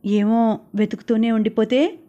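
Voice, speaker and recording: A woman's voice: on the high side, steady tone, unhurried, mellow, dull audio, natural voice. A woman reading the lines of a mischievous, spirited young woman in an audiobook novel. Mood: coy. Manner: playful, coy.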